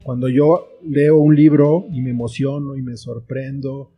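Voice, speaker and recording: A man who writes children's books and screenplays speaks as an interview guest, reflecting on his ideas in short phrases and giving examples. His voice sits at a medium pitch with little movement, a bit slow and husky. The audio is dull, with soft music behind him.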